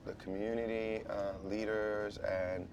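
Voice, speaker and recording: Amid the crowd chatter of a busy restaurant, a man who is a guest at a casual lunch chat talks earnestly and persuasively, building his points step by step in building phrases. His voice is fairly low, with little pitch movement, and he speaks at a measured pace, with background noise present.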